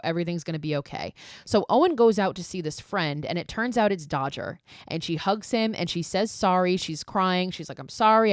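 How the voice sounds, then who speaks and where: Woman, podcast host, casual film recap, blunt and sweary, lowish voice, dry close sound. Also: dry recording. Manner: profane, blunt and sarcastic.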